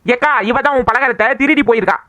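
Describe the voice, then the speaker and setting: Woman voicing a fast-talking bossy village girl, cartoon, slightly high voice, dry sound. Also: fairly bright tone, no room sound, natural voice. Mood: accusing. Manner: quick, bossy, scolding. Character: chatty young village woman, bossy busybody. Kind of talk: cartoon voice acting.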